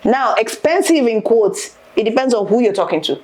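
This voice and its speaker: African-accented woman, lively podcast guest. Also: a little high, normal speed. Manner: animated, laughing often, repeats words when starting a thought. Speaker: guest, interior decorator and entrepreneur. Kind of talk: casual podcast interview.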